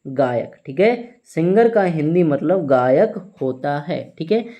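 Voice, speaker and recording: Man, teacher, English vocabulary lesson in Hindi, questions he answers himself, slow letter-by-letter spelling, repeated "theek hai". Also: on the high side, animated, highs cut off. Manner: asks questions then answers them, spells letters out slowly; repeats "ठीक है" often.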